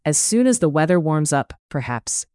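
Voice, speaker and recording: Elizabeth, a gentle young heroine speaking softly and breathily, as a narrator puts her on. Her voice is smooth and quiet, with a dry sound. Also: mid-range voice, sing-song, normal speed, dry recording, lightly acted. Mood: tender. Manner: gentle, breathy in love scenes. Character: witty young woman, Elizabeth, warm, breathless.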